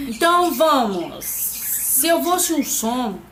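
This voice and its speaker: In a casual vlog, a woman with a high, fairly bright voice answers tag questions playfully, cracking jokes and making little sound effects. The room is echoey with faint background noise.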